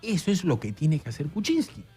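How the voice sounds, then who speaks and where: A Peruvian man, an interview guest, telling stories in an emphatic, animated way about politics. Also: a little high, fairly quick, slightly rough, faint music behind. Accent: Peruvian Spanish. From Peru. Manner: emphatic, storytelling.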